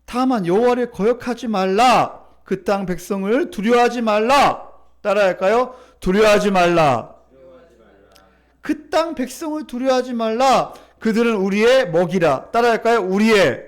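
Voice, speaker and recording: A man with a high voice delivers a church sermon, pressing his points again and again with emphatic repetition. He pauses to lead the congregation in reading aloud, in a preacher's rhythm. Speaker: pastor. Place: church sanctuary.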